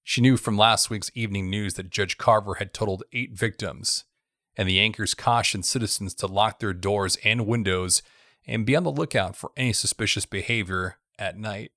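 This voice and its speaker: Gravelly low-voiced male narrator. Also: normal speed, bright, forceful tone, no echo, clean studio sound. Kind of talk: scripted story narration.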